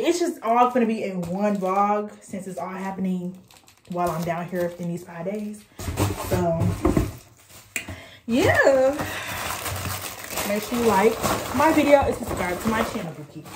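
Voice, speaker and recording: A woman vlogging casually to her phone in a car, talking fast and loose, peppering everything with "like" and "y'all.". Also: mid-range voice, noisy background. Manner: chatty, fills with "like" and "y'all", quick to exasperation. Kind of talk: casual chat to camera. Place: inside a car. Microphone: phone propped up in the car.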